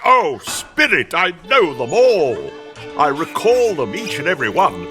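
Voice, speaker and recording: Old miser scrooge, radio play, wistful and emotional, highish swoopy voice over music. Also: male voice, huge pitch swings, measured pace. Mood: delighted. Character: Ebenezer Scrooge, old miser moved by his past. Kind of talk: theatrical radio play acting. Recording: music behind the voice.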